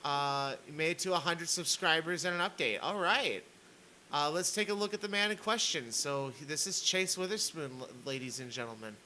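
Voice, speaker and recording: Guy ranting on stream, mocking and sarcastic, sharp bright voice. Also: a little high, lively intonation, moderate pace, slight background noise, rough recording. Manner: sarcastic, mocking, reads posts aloud.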